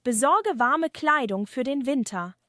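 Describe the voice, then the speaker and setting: Woman as a kind young villager, high-pitched, fireside story. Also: lively intonation, a little slow, a bit bright, no echo, clean studio sound. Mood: thoughtful. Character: poor, kind-hearted, modest young village man.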